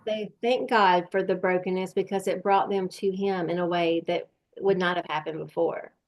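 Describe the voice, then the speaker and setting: Gravelly-voiced woman podcast host. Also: lowish voice, fairly even intonation, moderate pace. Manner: thoughtful, searching phrasing. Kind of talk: faith-based conversation.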